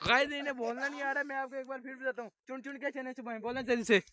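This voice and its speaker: A young man hosting a casual night-walk vlog with friends, chatty, teasing and excitable. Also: extremely high pitch, quick pace, crowd noise. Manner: excited, chatty, teasing, often repeating himself. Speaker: vlogger host. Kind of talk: casual outdoor vlog chat.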